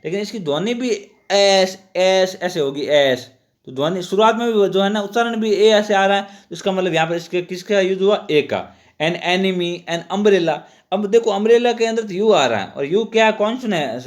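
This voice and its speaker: A high-pitched man walks students through an exam-prep lesson. He explains step by step, keeps quizzing the class and often stops to correct himself mid-sentence. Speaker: teacher.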